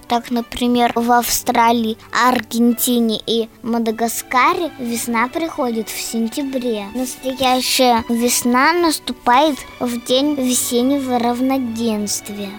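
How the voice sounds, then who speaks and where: A woman's voice: a little high, lightly acted. A woman playing a cheerful young boatswain who explains and quizzes playfully on a children's radio show.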